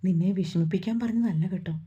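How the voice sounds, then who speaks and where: A woman's voice: on the low side, fast talker, mellow, husky, highs cut off. A woman voicing a loving, protective young man who speaks tenderly and coaxingly to his sweetheart in a romantic storybook.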